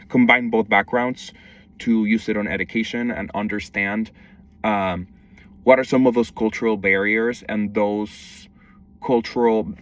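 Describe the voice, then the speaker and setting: The speaker is a young man from Mexico, an educator in wildlife conservation, giving a casual self-introduction on video. A distant mic captures his lowish, fairly bright voice.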